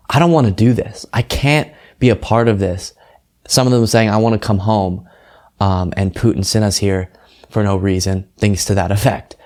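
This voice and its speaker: Reading translated quotes aloud during casual political commentary, the American host keeps an earnest, emphatic, conversational manner. His voice sits on the low side with a darkish tone.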